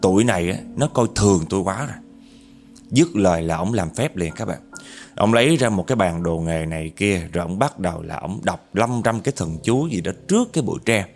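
A man's voice: deep voice, animated, a little fast, creaky, faint music behind. A man telling a horror story in a chatty, dramatic way, often addressing his listeners directly. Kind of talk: casual spoken horror storytelling.

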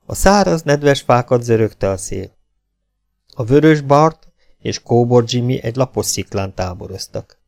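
Male audiobook reader, gravelly voice, really lively dramatic reading. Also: medium pitch.

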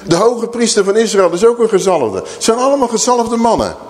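A man's voice: sits high, big pitch swings, brisk, darkish tone. Dutch-speaking man preaching in a reverberant hall. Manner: earnest teaching, rhetorical questions. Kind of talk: sermon.

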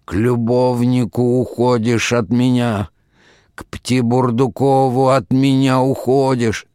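A man's voice: mid-range voice, clear, resonant tone, no room sound, clean studio sound, pitched above the performer's own voice, lightly acted. Man reading as a nasal wailing husband. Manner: drawling, melodramatic, declaiming in verse. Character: wailing self-pitying husband, middle-aged man. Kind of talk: audiobook reading.

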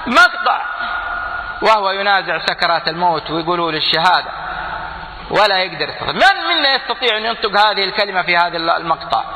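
Man, impassioned sermon, fairly high-pitched, echoey hall, faint background noise. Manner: impassioned, swings between loud exclamations and low asides. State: coughing. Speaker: preacher. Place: large hall before a crowd. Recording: echoey hall, long reverb, faint ambience.

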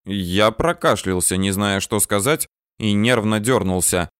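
A man reading a first-person novel aloud as an audiobook narrator, steady and even. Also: on the low side, unhurried, clear, resonant tone, no room sound, studio quality.

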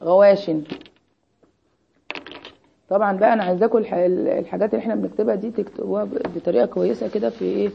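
Racing along with few pauses, an Egyptian woman with a gravelly, medium-pitched, steady voice teaches Arabic grammar. She relies on call-and-response, repeatedly prompting students with "what?" The audio is dull, with a little hiss or hum.

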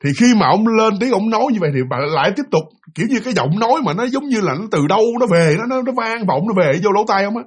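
A man tells a ghost story at a rapid clip, his voice sitting high and a little husky. He repeats words in his excitement and slips into the characters' lines as he goes. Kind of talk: spoken ghost story narration.

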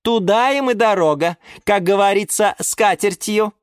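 A man's voice: high voice, normal speed, clean tone, no room sound, studio quality, pitched above the performer's own voice, close to an everyday voice. A man voicing a worldly female palm tree in a children's audiobook, with a knowing, folksy manner. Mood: approving. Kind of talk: audiobook character voice.

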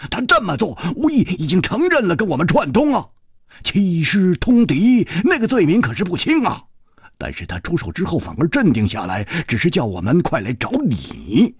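Man doing a loud excitable young swordsman. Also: slightly rough, dry recording, studio quality, heavily acted. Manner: high, fast, exclamatory with many fillers. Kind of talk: audiobook storytelling.

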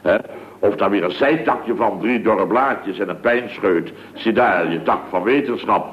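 A man playing a blustering, excitable male contractor boss in a 1960s radio comedy, with stammering and loud yelps. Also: on the low side, measured pace, natural voice. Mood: rambling. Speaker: boss of a building firm. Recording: dull lo-fi old radio recording.

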